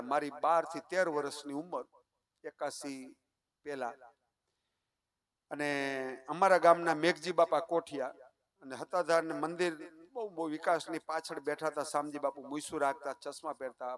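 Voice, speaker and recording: Folk religious storyteller, man in his 50s, Kathiawadi Gujarati accent, higher voice, dramatic hushed-to-loud delivery. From Saurashtra, Gujarat. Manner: animated, swings from hushed to loud declaiming, half-sung lines. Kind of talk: devotional folk storytelling for a live gathering. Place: live stage before a village gathering.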